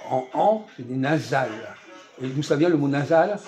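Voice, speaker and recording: A man hosting a casual, teacherly chat in a fast-food restaurant, quizzing his guest with repeated questions and sudden bursts of emphasis. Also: medium pitch, expressive, darkish tone, soft background music.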